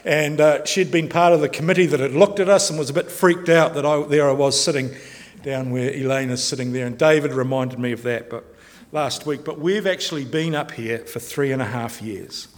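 A man's voice: mid-range voice, brisk. A male pastor, giving an informal, joking sermon in a church. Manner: chatty, joking, self-interrupting. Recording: long church reverb.

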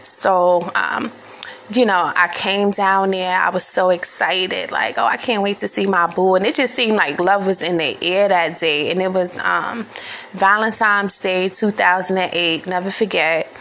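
A woman's voice: fairly low pitch, a little slow, a bit bright, slight background noise. A woman in her thirties telling a personal story in a candid, casual, profane way, full of fillers.

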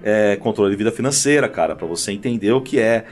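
A man's voice: quick pace, faint music behind. A man, a pastor talking casually and telling stories with lots of energy. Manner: animated storyteller, jumps high when telling a funny story. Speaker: pastor and guest. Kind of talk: casual conversation with anecdotes.

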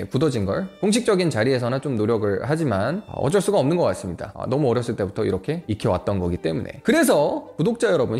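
A man in his thirties hosting a podcast, telling stories in a casual, playful way. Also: a little high. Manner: animated, playful, breaks into English rap lines. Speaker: podcast host. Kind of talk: casual storytelling monologue.

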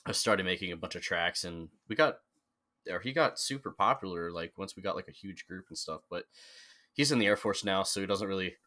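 Low-voiced young man rambling casually. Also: fairly quick, sharp tone. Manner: rambling, many fillers and restarts. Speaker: podcast guest. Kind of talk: casual chat.

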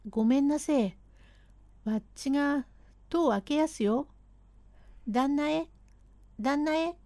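A woman's voice: sits high, takes it slowly, warm tone, no echo, pitched above the performer's own voice. A woman doing a jittery old-Edo manservant. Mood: calling out nervously. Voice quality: rough, old-fashioned Edo working-class speech. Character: timid, excitable Edo-era manservant, adult man.

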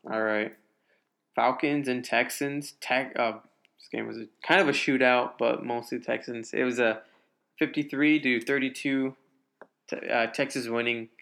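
A man co-hosting a casual fantasy football talk show, recapping games and giving pickup advice in a laid-back, halting way. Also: medium pitch, steady tone, creaky, fairly bright tone. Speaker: fantasy football podcast co-host. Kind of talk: casual sports chat.

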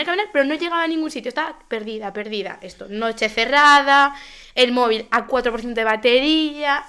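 Young woman chatting on a podcast, high bright voice, laughs a lot, animated storyteller. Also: clean tone. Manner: animated, laughs often, exaggerates for comic effect. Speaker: podcast co-host. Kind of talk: casual storytelling chat.

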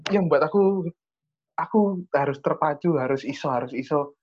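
A man's voice: fairly high pitch, moderate pace, darkish tone, a little hiss or hum. Earnest young East Javanese man, lo-fi. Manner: earnest, rambling, mixes in Javanese slang. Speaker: storyteller sharing a testimony. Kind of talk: casual chat.

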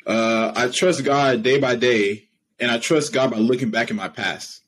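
A man's voice: mid-range voice, steady tone, normal speed, fairly bright tone, low-quality recording. A man in his early thirties hosting a faith podcast, enthusiastically praising what his guest says and tying it back for listeners. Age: 30s. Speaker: podcast host. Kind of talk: casual interview.

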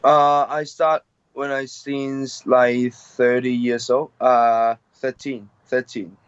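A man's voice: medium pitch, level tone, clean tone, no echo. Hesitant young man with a Hong Kong accent. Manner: halting, hesitant non-native English with many fillers. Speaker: MMA fighter guest. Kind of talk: casual interview. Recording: dull, dry lo-fi sound.

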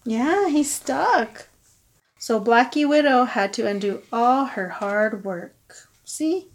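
Mother doing an interactive picture-book read-aloud, higher-pitched voice, lively. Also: slow pace. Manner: expressive, asks the child questions. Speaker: mother reading to her son.

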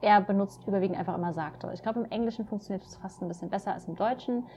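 Woman, podcast co-host, casual chat, animated, emphatic, mid pitch. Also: very fast, slight background noise. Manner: animated, emphatic, acts out examples.

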